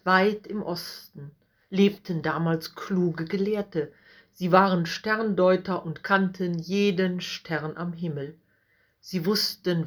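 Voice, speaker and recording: Woman storyteller, scripted storybook narration, gentle, measured, low voice.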